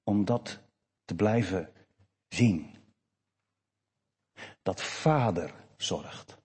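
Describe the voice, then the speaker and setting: Husky slow-preaching pastor in a reverberant church. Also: male voice, low voice. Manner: slow, emphatic, with expressive rises. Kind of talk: sermon.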